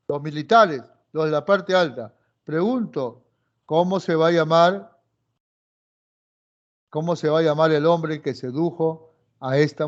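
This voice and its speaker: A Peruvian man teaching a history class at a slow, deliberate pace, his voice sitting fairly high. He keeps quizzing the students, repeating questions and stretching out the answers. The recording is dull and lo-fi. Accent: Peruvian Spanish. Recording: dull lo-fi sound.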